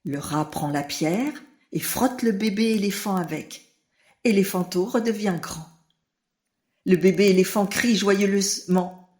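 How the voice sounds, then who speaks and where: A woman narrating a children's audiobook in a clear storytelling manner. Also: medium pitch, measured pace, darkish tone.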